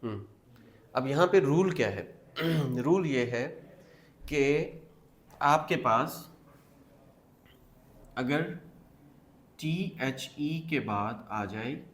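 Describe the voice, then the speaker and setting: Slow, patient male teacher. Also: medium pitch. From Pakistan. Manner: explains step by step, repeats words slowly and asks rhetorical questions; clears his throat often. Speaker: English pronunciation teacher. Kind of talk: classroom lesson explaining pronunciation.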